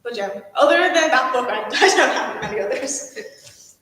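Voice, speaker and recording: A woman piano teacher, a little higher-pitched than most, speaks casually at a panel discussion, dropping "like" and "um" as she goes. The recording is very roomy, with a long reverb trailing after her words. She sounds relaxed and plain-spoken. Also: normal speed. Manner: casual, conversational, says "like" often. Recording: echoey hall with long reverb.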